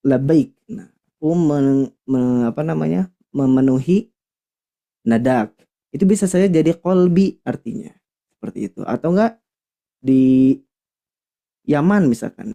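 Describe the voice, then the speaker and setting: A man teaching Quran recitation in an online class, explaining patiently and often pausing to search for the right word. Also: mid-range voice, mellow.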